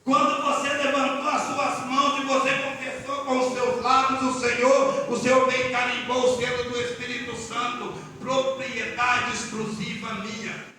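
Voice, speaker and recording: A man preaching a fervent Pentecostal sermon in a church, at times rising to shouted declarations. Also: extremely high pitch, monotone, normal speed, hardly any pauses, a crowd in the background. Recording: echoey church hall, mic at a distance.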